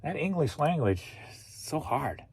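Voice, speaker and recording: A man in his forties from St. Louis, Missouri packs orders for his online reselling business, joking around and talking to himself. His voice is a little high and very animated, a little slow, creaky, husky and slightly mellow.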